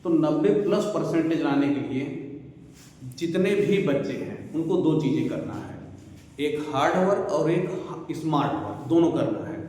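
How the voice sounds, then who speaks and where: A man's voice: a little high, lively intonation, moderate pace, mellow. A male teacher giving fatherly exam advice to students, recorded in an echoey room. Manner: fatherly, addresses students as beta. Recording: echoey room with faint hiss.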